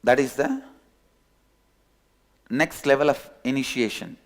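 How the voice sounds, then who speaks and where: A man with an Indian English accent, a spiritual teacher telling a parable in an animated way and acting out its characters. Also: medium pitch, measured pace. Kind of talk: storytelling sermon.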